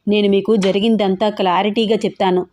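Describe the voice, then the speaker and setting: A woman's voice: medium pitch, flat delivery, fairly quick, mellow, close to an everyday voice. A woman voicing an angry young bride-to-be who talks back sharply and indignantly.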